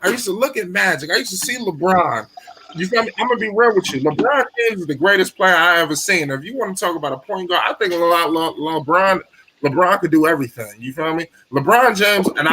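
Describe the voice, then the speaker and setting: A man in his late twenties hosting a casual sports debate, animated, swearing freely and cutting in. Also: a little high, slight background noise. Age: 20s. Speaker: show host.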